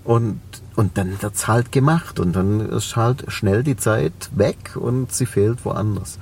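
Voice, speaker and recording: As a podcast interview guest, a forty-something cleaning company owner with a Swabian German accent speaks reflectively and with many fillers. His voice is lowish and darkish with vocal fry, slow-paced, far from the mic, and backed by slight noise.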